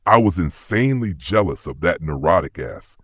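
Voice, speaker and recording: A man's voice: deep voice, expressive, moderate pace, husky, dry recording. A man voicing an earnest young husband who talks in a contrite, pleading way.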